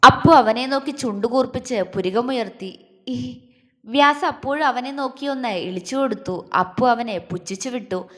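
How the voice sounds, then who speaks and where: A woman narrating a romantic audio story in a gentle, even storytelling manner. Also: a little high, moderate pace. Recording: long hall reverb.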